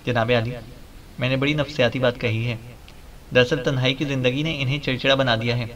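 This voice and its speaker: A man's voice: medium pitch, fairly even intonation, fairly bright tone, distant mic, slight background noise, lightly acted. A man doing a cocky flippant young heir. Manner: dry, offhand, mocking.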